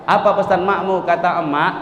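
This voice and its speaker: High-voiced preacher in an echoey hall. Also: male voice, moderate pace, highs cut off. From Medan, North Sumatra. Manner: lively, addresses the crowd directly, acts out quoted voices, chants letters sing-song. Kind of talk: storytelling sermon. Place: mosque. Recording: echoey hall with faint background noise.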